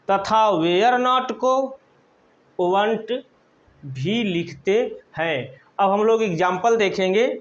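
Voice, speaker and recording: A man with a Hindi accent teaching English grammar in a lesson, dictating slowly and repeating each phrase so students can write it down. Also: high-pitched. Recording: dull lo-fi recording.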